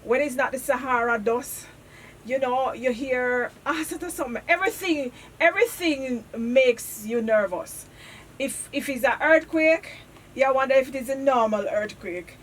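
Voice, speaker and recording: A woman's voice: sits high, normal speed, recorded from a distance, slight background noise. A Jamaican woman with a Jamaican accent, a comedic actress telling funny phone-call stories in patois on a radio interview, laughing often.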